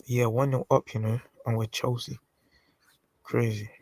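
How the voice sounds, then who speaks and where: A man's voice: medium pitch, little pitch movement, unhurried, a little mellow, dry recording. A male caller in casual chat on a call-in show, his line breaking up and cutting in and out as he gives short, laid-back replies. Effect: breaking-up call audio cutting in and out.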